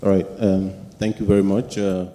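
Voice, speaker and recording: A man's voice: low-pitched, flat delivery, normal speed, warm tone. A man from Cameroon, asking an earnest question from the audience of a lecture hall into a handheld mic.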